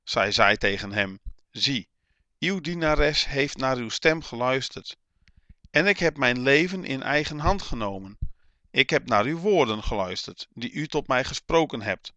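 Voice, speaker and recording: A man reading a Bible passage aloud in a slow, measured, even way. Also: medium pitch, no echo. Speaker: Bible reader.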